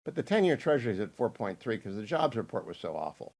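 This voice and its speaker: A man in his sixties hosting a radio talk show, hoarse from laryngitis, brisk and opinionated. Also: mid-range voice, big pitch swings, darkish tone. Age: 60s. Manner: brisk, opinionated, reads ad copy.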